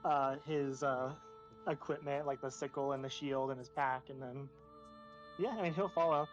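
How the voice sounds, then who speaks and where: A tabletop role-play player who plays a druid and chats in a relaxed, playful way, laughing often. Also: medium pitch, normal speed, highs cut off, soft background music.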